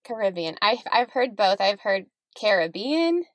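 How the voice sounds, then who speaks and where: A woman's voice: mid-range voice, very animated, unhurried, a bit bright, dry recording. A woman hosting a podcast, chatting casually with guests and laughing easily. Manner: friendly, laughing, chatty with restarts. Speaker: podcast host. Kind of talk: casual interview chat.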